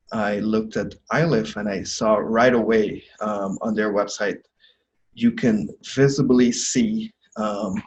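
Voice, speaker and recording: Earnest young man, lower voice. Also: dull audio. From Guyana. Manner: earnest, reflective, many ums and restarts. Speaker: seminary student. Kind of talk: testimonial interview. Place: small room indoors.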